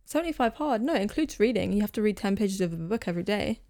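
A young woman, co-hosting a casual podcast chat, telling things in a relaxed, rambling way. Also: mid-range voice, fast. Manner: relaxed storyteller, rambling asides. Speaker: podcast co-host.

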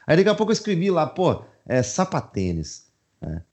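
A man's voice: a little high, moderate pace. A Brazilian man, a musician, talking casually in an interview, with many fillers and laughs. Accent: Brazilian Portuguese. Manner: animated, laughing, lots of fillers. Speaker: musician guest.

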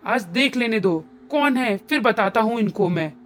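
A woman voicing an angry, frustrated middle-aged father who shouts and scolds his wife and daughter in a horror story. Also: sits high, lively intonation, measured pace, slight background noise. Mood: angry shouting.

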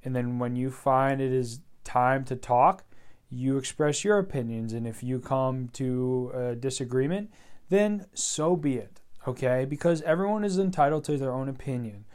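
A man's voice: mid-range voice, expressive, normal speed, a little mellow. A young man in his twenties hosting his own vlog, talking casually and rambling with many fillers and restarts. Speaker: vlog host. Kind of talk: casual solo vlog monologue.

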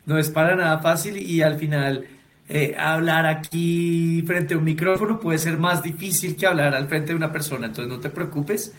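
Male podcast host, Colombian accent, higher-pitched than most men, informal conversational delivery. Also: fairly even intonation, moderate pace, a bit bright. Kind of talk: casual chat.

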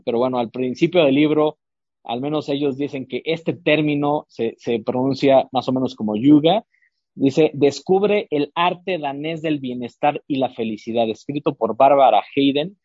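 Podcast host, man, hesitant with fillers, warm dark tone. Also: on the high side, moderate pace, no echo, muffled recording. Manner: hesitant, many fillers and restarts. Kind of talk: casual book-recommendation chat.

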